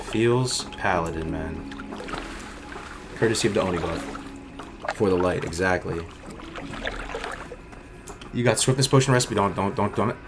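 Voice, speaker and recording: A low-voiced man livestreams gameplay commentary unhurriedly, leaving long pauses between bursts of cocky, hyped frat-bro slang. Loud music plays behind him.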